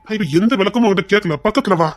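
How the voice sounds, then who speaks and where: A contrite young husband, voiced by a woman, pleads in a Tirunelveli Tamil accent, piling up quick apologies and soft coaxing. The delivery is fast and close, with almost no room sound. This is web-series drama acting. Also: mid-range voice, dry recording, close to an everyday voice. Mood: firm tender. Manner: pleading, repeats apologies rapidly. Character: young husband, remorseful and tender.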